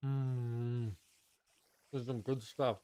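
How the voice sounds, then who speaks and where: A man's voice: mid-range voice, little pitch movement, slow, mellow, clear, resonant tone. A man streaming a game, chatting casually with his chat and eating a meal at his close desk mic. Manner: chatty, eats on mic while talking to chat.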